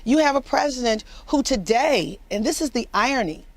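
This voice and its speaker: A woman's voice: high voice, expressive, moderate pace, no room sound. A woman commenting on a TV news panel in an earnest way, repeating words as she builds her argument.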